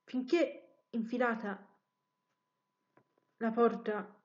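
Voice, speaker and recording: A woman reads a children's story aloud with expression, now and then correcting a slip. Her voice is fairly high. The recording is muffled and lo-fi. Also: extremely slow. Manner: expressive reading with occasional self-corrections.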